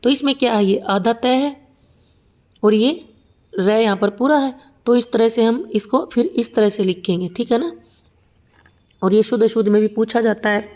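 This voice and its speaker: A woman's voice: on the high side, moderate pace, long pauses, a little mellow. A young woman teaching Hindi grammar for exam prep, explaining each example step by step and often checking that students follow. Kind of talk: exam-prep lesson at a whiteboard.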